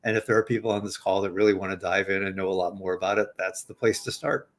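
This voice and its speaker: A man speaking as a guest author in a live online interview over a video call, halting and quick to laugh. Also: deep voice, steady tone. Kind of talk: casual interview talk.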